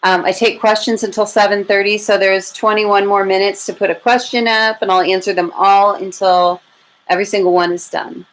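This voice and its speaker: An American woman with a mid-range voice and little pitch movement speaks at a moderate pace while hosting a live tarot reading, chatting informally and thinking aloud for her viewers. The recording is low quality, with clear background noise and room ambience.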